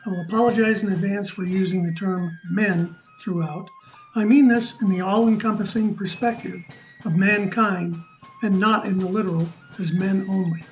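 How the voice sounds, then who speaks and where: A man's voice: high voice, fairly even intonation, moderate pace, distant mic, faint music behind, poor audio. Earnest man reading a reflective essay. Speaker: commentator.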